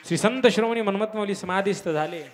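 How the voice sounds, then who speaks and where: A man preaching a devotional kirtan sermon at a village gathering, fervent, swelling to loud exclamations. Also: high-pitched, fast talker, soft background music. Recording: long hall reverb with harmonium and tabla.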